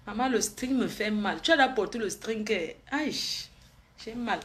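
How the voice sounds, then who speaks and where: A woman's voice: mid-range voice, expressive, unhurried, a little hiss or hum. A woman, chatting and gossiping on a live stream, teasing and often laughing.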